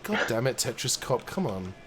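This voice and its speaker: A man's voice: mid-range voice, big pitch swings, moderate pace, a bit bright, slight background noise. A man co-hosting a casual gameplay show, joking and laughing as he plays, with faint game music behind him. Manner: joking, playful, laughs often. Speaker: co-host playing a video game.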